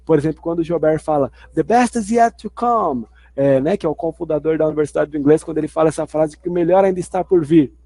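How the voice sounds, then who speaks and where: A man's voice: on the high side, steady tone, racing, hardly any pauses, warm tone, no room sound. A man teaching a video lesson in an explanatory way, restating each point twice. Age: adult. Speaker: language teacher.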